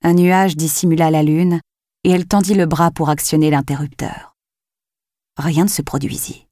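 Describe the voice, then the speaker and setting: A woman narrates a thriller novel in a measured, steady way, with a low and mellow voice. In tense moments she drops to a hushed near whisper. The recording is close and dry, with no room echo. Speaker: audiobook narrator. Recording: dry close studio sound.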